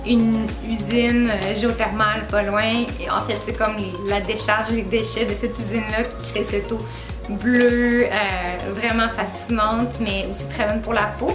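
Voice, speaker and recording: A woman in her twenties with a Québécois French accent, talking casually to camera about her travels, with lots of filler sounds. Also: on the high side. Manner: chatty, many filler "euh"s, laughs at herself. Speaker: travel vlogger. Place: small room indoors with string lights and bookshelf. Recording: roomy echo, music behind.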